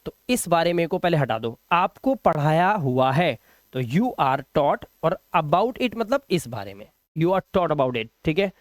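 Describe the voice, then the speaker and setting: A man with a high, light voice teaches a Hindi-language English lesson. He goes over each word patiently and repeats it several times. The sound is close and dry, with no room echo. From India. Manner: explains slowly, repeats each word and asks "ठीक है?".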